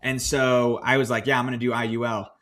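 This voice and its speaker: A man co-hosting a podcast, recounting his own finance choices in a relaxed, storytelling way with plenty of fillers. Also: mid-range voice, brisk. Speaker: podcast co-host. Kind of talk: casual podcast discussion.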